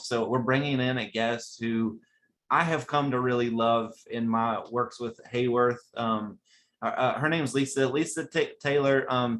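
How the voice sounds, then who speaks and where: Male webinar host, Appalachian accent, folksy and eager, conversational delivery at a medium pitch. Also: fairly bright tone. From West Virginia, USA. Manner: enthusiastic, chatty, folksy. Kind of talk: casual webinar talk.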